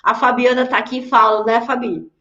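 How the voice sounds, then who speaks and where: A Brazilian woman hosting a live teaching session, talking fast and tagging her sentences with quick checks on her listeners. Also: a little high, fairly even intonation, sharp tone, reverberant, highs cut off. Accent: Brazilian Portuguese. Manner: fast talker, admits rushing her words; peppers sentences with tag questions. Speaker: host of a live coaching session for health professionals. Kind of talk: live-streamed teaching talk.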